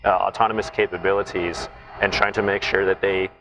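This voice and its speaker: Born in Taiwan and brought up in Southern California, this middle-aged naval flight test officer talks through technical concepts as a guest in an interview conversation, thoughtful and explanatory, frequently tagging "right?". His low-pitched voice is brisk, and the muffled recording carries background noise.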